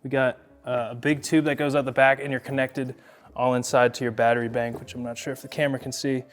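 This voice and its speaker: A man's voice: mid-range voice, little pitch movement, fast, faint music behind. A man hosting a casual unboxing vlog, joking and rambling in an offhand way. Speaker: host.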